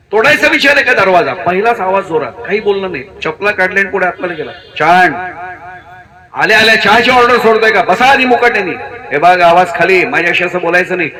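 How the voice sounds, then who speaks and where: A man's voice: high voice, fairly bright tone, poor audio. A middle-aged man from Maharashtra, India, preaching a storytelling sermon and acting out the dialogue of the people in his story. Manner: acts out dialogue of story characters with voice shifts. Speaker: kirtan preacher.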